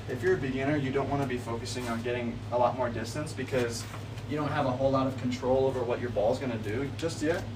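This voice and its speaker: A friendly, easygoing man in his twenties offers casual golf tips on a backyard livestream, addressing viewers as buddy and bro. His voice is medium-pitched and far from the mic, against a noisy outdoor background.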